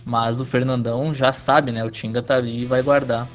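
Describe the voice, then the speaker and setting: A man with a gaúcho accent talking casually about sport in a relaxed conversation. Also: medium pitch, normal speed. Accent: southern Brazilian, gaúcho. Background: music under the talk.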